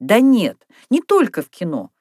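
A woman reading aloud, voicing a lively young girl who dreams of being an artist. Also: mid-range voice, a little slow, no room sound, studio quality, pitched above the performer's own voice. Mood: eager. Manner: eager, bright, storytelling.

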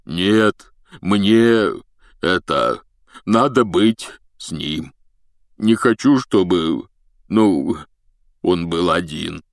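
A man voicing a huge, soft-hearted gamekeeper who speaks hoarsely and haltingly, in a storybook reading. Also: sits low, no room sound, studio quality, exaggerated voice. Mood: pleading.

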